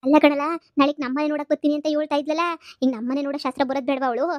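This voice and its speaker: A woman's voice: high-pitched, level tone, very fast, dry recording, lo-fi sound, close to an everyday voice. A woman voicing a blunt, dismissive middle-aged mother of the groom in a cartoon comedy. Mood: worried. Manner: firm, dismissive.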